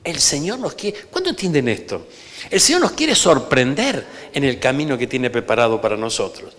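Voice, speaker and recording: In a church sanctuary, a pastor with Rioplatense Argentine Spanish delivers a forceful sermon studded with calls for amen. His mid-range, fairly bright voice swings widely in pitch at a normal pace, echoing through the reverberant hall.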